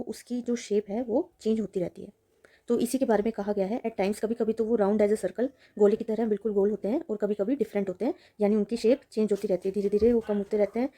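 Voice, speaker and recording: A woman teaching a children's reading lesson, reading lines slowly and then explaining them in Hindi. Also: mid-range voice, mellow. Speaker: English teacher.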